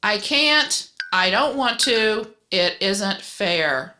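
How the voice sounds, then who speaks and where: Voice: mid-range voice, lively intonation, drawn-out words, sharp tone, voice pushed up, full character voice. A performer voicing an impatient little female plant in a storybook segment. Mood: whiny. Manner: whiny, sulky. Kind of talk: storybook reading.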